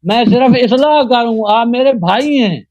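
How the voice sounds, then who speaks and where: Guy chanting arabic then arguing in a live debate, really high voice, flat dry sound. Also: dry recording. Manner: chants Arabic invocations slowly, then argues pointedly. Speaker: debater, Sunni cleric. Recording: dull, dry lo-fi audio.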